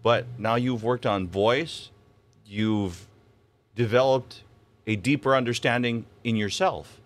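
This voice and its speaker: A man interviewing a guest, asking questions in a calm, reflective way. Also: medium pitch, takes it slowly. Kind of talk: casual interview.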